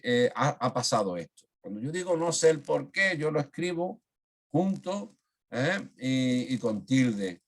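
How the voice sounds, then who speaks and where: A man giving an online grammar lesson on a video call. He fills pauses with "eh" and keeps checking in with "¿eh?". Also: mid-range voice. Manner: frequent "eh" fillers, checks in with "¿eh?". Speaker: teacher.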